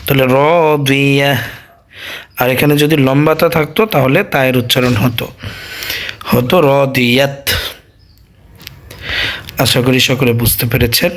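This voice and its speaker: A man's voice: medium pitch, flat delivery, moderate pace, long pauses. A man teaching Quran reading who spells out the Arabic letters and vowel marks one syllable at a time, patiently repeating each sound.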